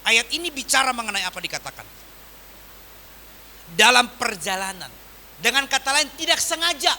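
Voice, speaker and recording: Animated preaching man, bright voice. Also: very high-pitched, normal speed. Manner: animated preaching with wide swings in volume. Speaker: pastor. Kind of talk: sermon.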